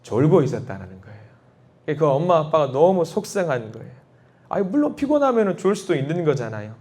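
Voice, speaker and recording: A man preaching a sermon as a church pastor, telling a story and acting out the quoted voices with big swings of pitch. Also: a little mellow. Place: church sanctuary.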